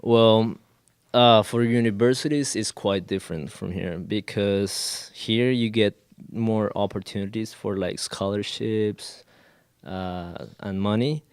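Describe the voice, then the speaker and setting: The recording is clean studio sound with no room echo, and the man's lowish voice stays steady, slow, and clean. He's a twenty-something college student from Colombia, a Spanish speaker using English as his second language, appearing as a guest in a casual interview where fillers and false starts come up a lot.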